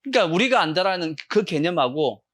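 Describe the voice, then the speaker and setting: A man preaching a sermon as pastor of a church, asking his congregation questions, answering them himself, and sometimes breaking into loud acted shouts. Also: sits high, very animated, brisk. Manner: call-and-response questioning of the congregation. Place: church sanctuary.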